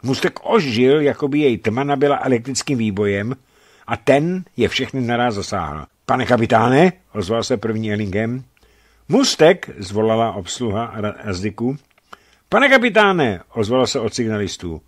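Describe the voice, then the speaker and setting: A man reading a novel aloud in a measured, steady manner for radio. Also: fairly low pitch, dry recording, clean studio sound. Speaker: radio reader. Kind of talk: scripted narration of a novel. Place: radio studio.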